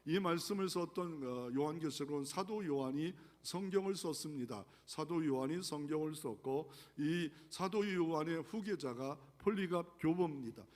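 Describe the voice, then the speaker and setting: A man's voice: on the high side, normal speed, few pauses, a little mellow. A man pastor delivering an earnest sermon, asking the congregation rhetorical questions. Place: large church sanctuary. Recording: long church hall reverb.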